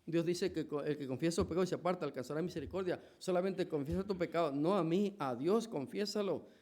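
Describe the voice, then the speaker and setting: A man's voice: fairly high pitch, quick pace, darkish tone. A man with a Mexican Spanish accent preaching a sermon in a church, conversational, with many restarts and rhetorical questions. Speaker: pastor.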